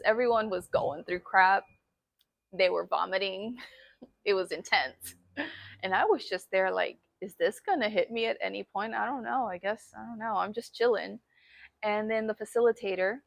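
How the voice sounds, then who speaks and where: A woman's voice: medium pitch, gravelly, no room sound. A young woman telling a personal story as a travel vlogger, chatty and casual, laughing often and filling with "like" and "um".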